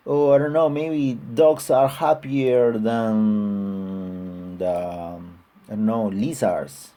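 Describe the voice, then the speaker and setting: Man, grammar teacher, slow and deliberate, husky mellow tone. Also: mid-range voice. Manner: patient, repeats examples, frequent "all right?" checks. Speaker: English teacher. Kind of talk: online grammar lesson.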